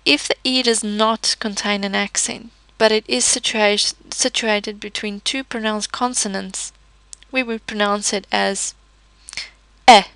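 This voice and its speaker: A woman gives a careful, patient pronunciation lesson, going letter by letter with example words. She speaks slowly, with a gravelly fry in her voice. The recording is close and dry. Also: mid-range voice, steady tone, pushed and bright, dry recording, rough recording. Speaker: language teacher.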